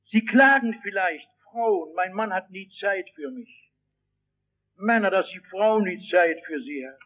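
A man preaching a sermon, addressing his listeners directly and telling a story in which he acts out the shouting voices. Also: high voice, animated, a little slow, lo-fi sound.

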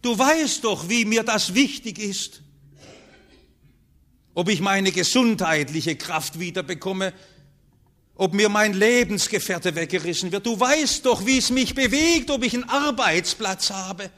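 A man delivers a sermon in a high, unhurried voice. He speaks earnestly and swings between hushed, low passages and loud, rising ones. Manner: earnest, with strong rises and falls in pitch and loudness. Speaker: preacher.

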